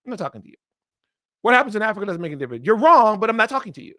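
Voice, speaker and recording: A middle-aged man hosting a live commentary show, talking off the cuff in an impassioned way that turns halting and apologetic. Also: sits high, sing-song, bright, forceful tone, no room sound, studio quality. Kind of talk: unscripted live commentary monologue.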